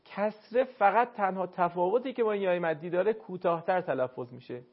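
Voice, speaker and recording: A man teaching Quran recitation to a caller, courteous and explanatory, sounding words out slowly to demonstrate. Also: sits high, highs cut off. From northern Iran. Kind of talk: call-in recitation lesson.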